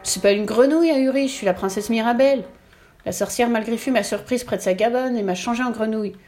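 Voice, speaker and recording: A woman's voice: on the high side, steady tone, quick pace, darkish tone, natural voice. A woman voicing a bossy, fierce little princess girl in a storybook reading, scolding and indignant. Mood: furious.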